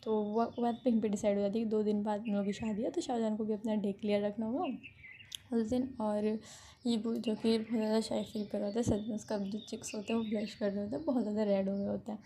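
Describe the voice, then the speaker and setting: A woman's voice: mid-range voice, level tone, fast talker, dark tone, slight background noise. A woman casually retelling a fan fiction story, chatty, often correcting herself mid-sentence. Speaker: narrator.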